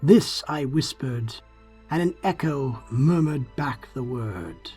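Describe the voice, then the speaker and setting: A narrator performs gothic poetry at a slow, deliberate pace with a dark, husky tone. The delivery is theatrical and brooding, shifting between hushed and forceful. Faint music plays behind. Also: mid-range voice, expressive.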